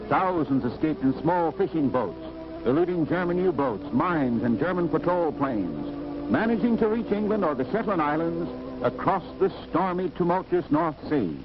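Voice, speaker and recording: Old newsreel narrator, a man, declamatory. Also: fairly high pitch. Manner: formal, declamatory. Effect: old newsreel recording. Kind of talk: scripted documentary narration. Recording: dull lo-fi 1940s newsreel audio with music. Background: music score.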